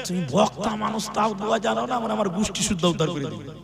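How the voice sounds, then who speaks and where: A man's voice: sits high, lively intonation, very fast, creaky, exaggerated voice. A man voicing a cheeky eight-year-old village boy who teases with needling questions, in a sermon story told to a crowd. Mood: teasing.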